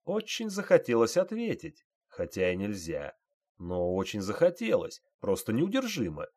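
A man reading a dramatic audiobook as narrator, in an expressive way. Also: fairly low pitch, moderate pace. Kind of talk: scripted narration.

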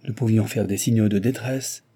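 A man reading voicing an impulsive young Frenchman, eager and quick to act. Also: lowish voice, steady tone, dark tone, husky. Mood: doubtful.

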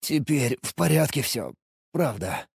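A man's voice: on the high side, sing-song, takes it slowly, darkish tone, dry recording, studio quality, exaggerated voice. A man voicing a dazed young man in pain in an audiobook, strained, with words jumbled. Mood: reassuring. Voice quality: gravelly, raspy. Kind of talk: audiobook character voice.

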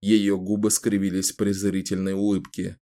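A man's voice: low voice, completely flat delivery, dark tone. Man narrating a dramatic audiobook. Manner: measured, dramatic storytelling.

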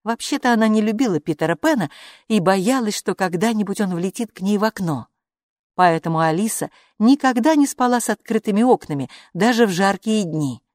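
A woman narrating a children's story audiobook in an expressive storytelling manner. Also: medium pitch, fairly quick, no room sound, clean studio sound.

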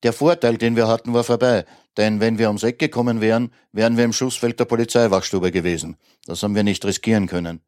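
A man with a fairly low voice reads aloud for radio, recounting events briskly and matter-of-factly. His delivery stays plain and even in tone. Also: no echo. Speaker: radio presenter and reader. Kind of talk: reading a witness account and a poem.

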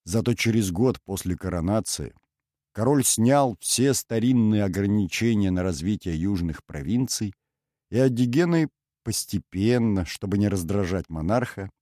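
A man narrating an audiobook in a measured, dramatic reading style. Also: lowish voice, animated, warm tone, no room sound, studio quality. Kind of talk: scripted narration.

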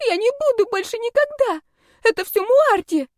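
A woman's voice: lively intonation, normal speed, a little mellow, no echo, clean studio sound. A woman voicing a panicked young girl who begs and wails in fear. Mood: terrified pleading. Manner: shrill, panicked wailing. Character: terrified young girl, sobbing pleas.

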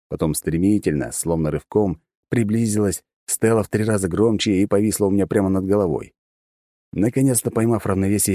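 Low, dark-voiced male narrator. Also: no room sound, clean studio sound. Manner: steady, first-person storytelling. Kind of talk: audiobook narration.

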